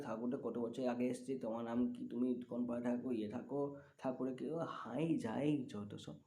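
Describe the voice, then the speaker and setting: A man from West Bengal talking in a rambling, chatty vlog, his voice hoarse and strained. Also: mid-range voice, warm tone. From West Bengal, India. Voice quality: husky, strained voice. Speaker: vlogger. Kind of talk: casual vlog chat.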